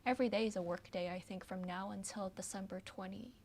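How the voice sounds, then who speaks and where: A woman's voice: medium pitch, fast talker, a little hiss or hum. Chatty woman pianist in a casual livestream Q&A. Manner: chatty and relaxed, trailing off with frequent ums and soft laughs. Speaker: pianist hosting a patron livestream. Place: her apartment, at home with her piano.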